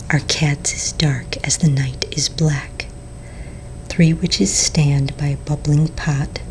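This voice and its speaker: A woman in a whispered role-play as a librarian at story hour, speaking in a soft, breathy library whisper and gently reading and explaining a picture book. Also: low-quality recording. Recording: low rumbling background noise.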